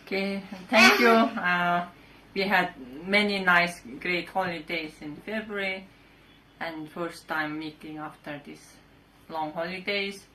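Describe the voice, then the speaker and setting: Slow Mongolian-accented woman in echoey room. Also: fairly low pitch, fairly even intonation, sharp tone. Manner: halting, non-native English. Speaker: guest speaker. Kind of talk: greeting speech. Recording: echoey room, clear background noise.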